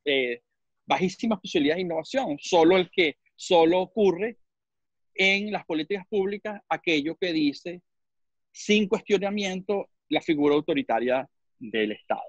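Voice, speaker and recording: Lively in intonation and sitting high, this Venezuelan panelist's voice carries no room sound, though the video call audio is muffled. He speaks with a Venezuelan Spanish accent and keeps pausing to hunt for words, repeating himself often during the panel discussion.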